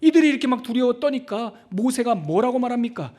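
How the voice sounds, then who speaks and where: Middle-aged male pastor, high-pitched, dramatic sermon delivery. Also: animated, fairly quick. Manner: dramatic swings from loud preaching to hushed asides; leads congregation in reading scripture.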